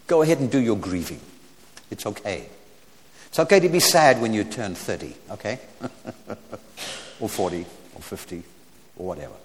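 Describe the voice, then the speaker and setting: A man in his seventies preaching a sermon, swinging from loud exclamations to quiet asides, with stammered restarts and wry humorous remarks. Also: lowish voice, big pitch swings, normal speed, pauses often, long reverb tail, slight background noise. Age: 70s.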